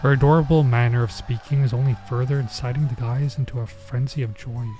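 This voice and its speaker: A man reads a visual novel aloud quickly in a steady, mid-range voice while streaming it as a let's play. He mixes in informal, bemused asides, with game music beneath the recording.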